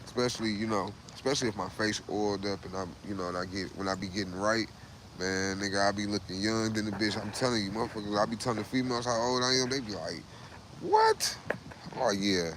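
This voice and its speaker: A livestream host in his late thirties talks fast in a lowish voice over a noisy background. He's loose and profane, repeats himself, and keeps saying "bro."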